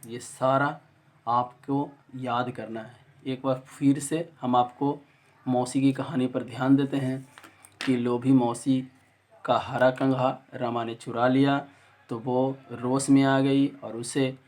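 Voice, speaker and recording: A man teaching an exam-prep lesson, telling a memory story and drilling each syllable slowly. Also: medium pitch, flat delivery, a little mellow.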